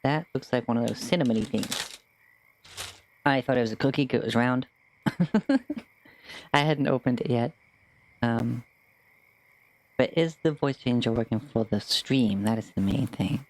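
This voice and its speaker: A game master narrates a streamed tabletop game casually. The voice sits at a middle pitch with a creaky edge, and the delivery is hesitant and informal. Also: a little slow, pauses often, a little mellow.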